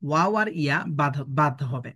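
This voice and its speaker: A man teaching an online Quran recitation lesson, explaining patiently step by step and sounding out letters slowly one at a time. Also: fairly high pitch, a bit bright, no room sound, clean studio sound.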